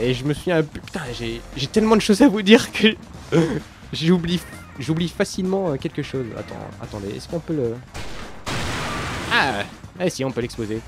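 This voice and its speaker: A young man casually commenting on a shooter game as he plays, rambling, losing his thread and filling pauses with many hesitations. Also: a little high. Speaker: let's play commentator. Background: game sounds and music.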